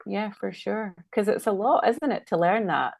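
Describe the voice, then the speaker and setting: A woman's voice: mid-range voice, normal speed, gravelly, darkish tone, slightly rough, dry recording. A woman with a Scottish accent, a designer chatting casually and thinking aloud as she works through a live-stream demo. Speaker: designer guest.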